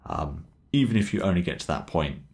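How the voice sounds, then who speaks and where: A man's voice: low-pitched, animated, fairly quick, a little mellow. A man co-hosting a casual gaming podcast, enthusiastic, laughing often and swearing casually. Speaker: podcast co-host.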